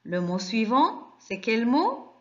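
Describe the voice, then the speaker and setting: A woman teaches very young pupils at an unhurried, deliberate pace, stretching out every word and pausing for answers. Her questions and quick praise come in a patient classroom manner. The sound is dull and a little lo-fi. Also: a little high, sing-song, fairly bright tone. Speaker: French teacher. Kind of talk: classroom lesson for young children.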